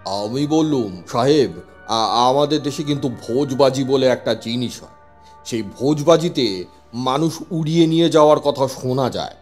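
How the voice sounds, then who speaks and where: Speaking at a normal speed in a mid-range, slightly mellow voice, a man narrates a scripted horror story as a police inspector in the first person. He keeps it dramatic and suspenseful, with long reverb and music underneath.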